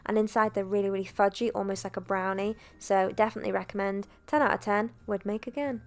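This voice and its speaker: A young woman narrating a cooking video in a chatty, relaxed voice-over, with self-deprecating asides. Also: mid-range voice, fast. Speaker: cooking vlogger.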